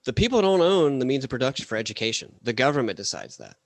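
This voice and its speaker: A man co-hosting a casual podcast chat, rambling and halting with many fillers. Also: medium pitch, sing-song, no room sound. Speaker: podcast co-host.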